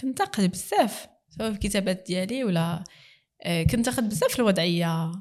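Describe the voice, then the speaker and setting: Rapid and earnest, this Moroccan-accented woman talks as an interview guest, her speech running quickly and mixing in French terms. She keeps a casual chatting tone throughout. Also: medium pitch, expressive, a little mellow. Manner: earnest, mixes in French words.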